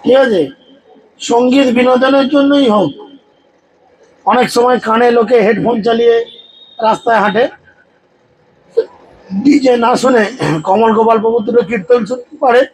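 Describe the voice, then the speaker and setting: High-voiced man preaching a devotional sermon. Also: steady tone, moderate pace, pauses often, slight background noise, low-quality recording. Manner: exhorting, humorous, leads crowd in loud chants.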